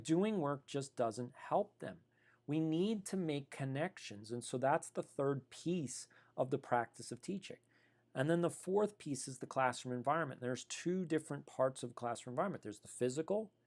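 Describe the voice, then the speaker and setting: A man's voice: fairly high pitch, a little mellow. A man who runs a school, giving an emphatic podcast monologue about teaching and repeating his key points.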